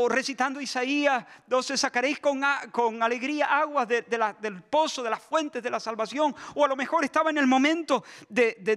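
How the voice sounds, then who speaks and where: Impassioned high-voiced male preacher. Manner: impassioned, dramatic shifts from shouting to soft. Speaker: pastor. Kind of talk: sermon. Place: church.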